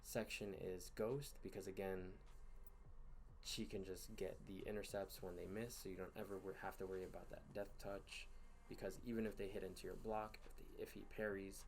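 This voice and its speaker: A man hosting a gaming channel, giving casual commentary over gameplay late at night, tired and yawning, in a relaxed, rambling way with fillers and sighs. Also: low voice, moderate pace, a little hiss or hum. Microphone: voice-over recorded in one take.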